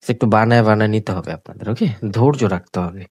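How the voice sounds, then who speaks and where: A sick, coughing man, talking slowly through live trades on screen and repeating his points, mixing in English words. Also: lowish voice, expressive, a little mellow, slightly rough, dry recording. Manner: slow, repetitive explaining with English words mixed in. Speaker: trading tutor. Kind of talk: live trading screen commentary.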